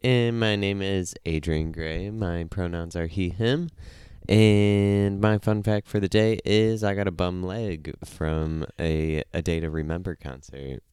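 A man's voice: low-pitched, fairly even intonation, measured pace, few pauses, darkish tone, smooth, dry recording, studio quality. A man co-hosting a podcast, laid-back and joking.

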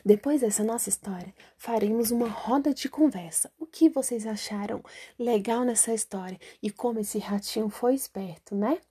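Breathy woman reading a children's story. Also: on the high side, normal speed, dark tone. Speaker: student teacher reading to children.

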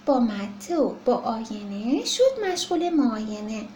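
A woman's voice: fairly high pitch, very animated, dark tone, a little hiss or hum. A woman reading a rhymed children's story in a sing-song, rhythmic way, recorded in a roomy space. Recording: roomy echo, faint background.

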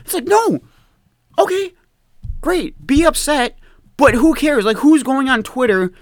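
An American man ranting in an exasperated, mocking tone, often dropping low to mimic the people he criticizes. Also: very animated, measured pace, dry recording, studio quality. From United States. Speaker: commentator. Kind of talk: opinion rant to camera.

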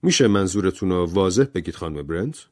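A man voicing a composed middle-aged doctor who speaks in a measured, grave way. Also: low voice, animated.

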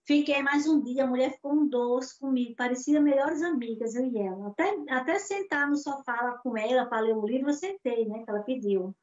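High-voiced Brazilian woman telling a story. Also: brisk, few pauses. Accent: Brazilian Portuguese. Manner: animated storyteller acting out dialogue. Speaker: guest. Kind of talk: storytelling interview over video call. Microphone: video call mic. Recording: dull lo-fi call audio.

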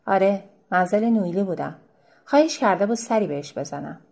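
A woman reading the part of a weary, evasive middle-aged husband in a novel, giving low, subdued, defensive replies. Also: animated, creaky, darkish tone.

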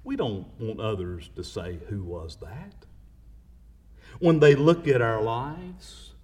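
A middle-aged man preaching a sermon as pastor, swinging between loud emphatic rises and quiet low asides.

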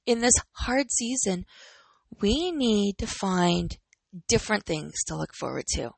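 A woman's voice: medium pitch, gravelly, slightly rough, no echo, rough recording. A woman in her forties talking in an earnest, encouraging and reflective way, as host of a personal motivational talk, smiling as she speaks. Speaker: podcast host.

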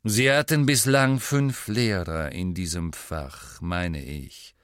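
A man voicing a cold, contemptuous male teacher who speaks slowly and deliberately in a storybook reading. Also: on the low side, sing-song, dry recording, studio quality, exaggerated voice. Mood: icy. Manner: slow, deliberate, cutting.

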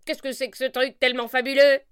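A woman's voice: high-pitched, level tone, quick pace, smooth, no echo, clean studio sound, voice pushed up, lightly acted. A woman voicing a grumpy, bossy witch in a storybook reading, snapping and exclaiming. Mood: gruff.

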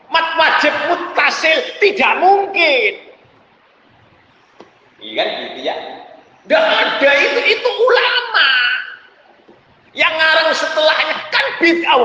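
A man giving a religious lecture, animated, with laughing asides and sudden shouts. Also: very high voice. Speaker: preacher. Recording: echoey hall, dull lo-fi sound.

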